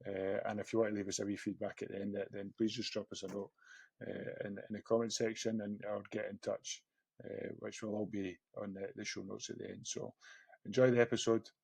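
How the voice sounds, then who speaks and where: A Scottish man hosting a podcast interview, talking in a halting way with many restarts and fillers. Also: on the low side, little pitch movement, gravelly, a little mellow, slightly rough, no echo. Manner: hesitant, lots of restarts and fillers. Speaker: podcast host.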